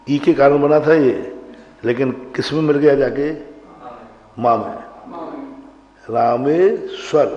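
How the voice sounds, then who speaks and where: Male monk-teacher, slow deliberate classroom delivery that quizzes students and drills pronunciation, recorded in a roomy echoing hall. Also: mid-range voice, a little mellow. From India. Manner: questions the class and answers himself, repeats words slowly to model pronunciation. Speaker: monk teaching Sanskrit grammar. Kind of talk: classroom lecture. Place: large hall. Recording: echoey hall, dull lo-fi broadcast sound.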